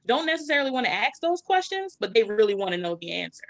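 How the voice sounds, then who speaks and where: A relaxed interviewer talks loosely, leaning on fillers. The voice is bright and clear. The sound is dry and close, with no room echo. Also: medium pitch, quick pace. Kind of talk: casual interview.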